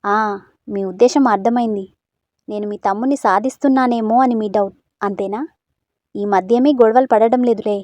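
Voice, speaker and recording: A woman voicing a feisty, sharp-tongued young woman who talks in quick exclamations in a storybook. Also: a little high, fairly even intonation, dry recording, close to an everyday voice. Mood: defensive.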